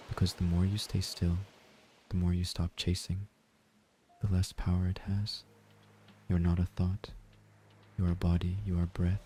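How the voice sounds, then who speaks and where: A man gives a slow, soft-spoken guided sleep meditation in a gentle, breathy near-whisper. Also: sits low, slight background noise. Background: ocean waves and gentle music.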